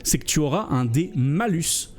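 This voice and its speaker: A man's voice: on the high side, expressive, moderate pace, a little mellow, slightly rough. A man as game master, casually explaining and narrating a tabletop role-playing game in a hesitant, explanatory way.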